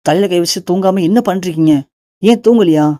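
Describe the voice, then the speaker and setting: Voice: medium pitch, quick pace, mellow, dry recording, close to an everyday voice. A narrator voicing a caring young wife who anxiously soothes her husband. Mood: soothing.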